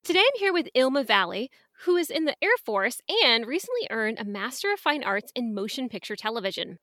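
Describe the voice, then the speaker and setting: A woman's voice: a little high, big pitch swings, a little fast, pushed and bright, faint music behind. A woman hosting a podcast, chatting in a casual, upbeat and enthusiastic way as she interviews a guest. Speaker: podcast host.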